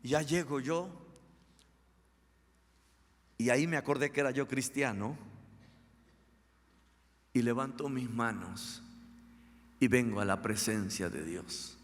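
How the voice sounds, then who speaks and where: A man's voice: mid-range voice, slow, pauses often. An older man, a pastor preaching a sermon and acting out the dialogues of his own stories. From Mexico. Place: church sanctuary. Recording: echoey church hall with long reverb.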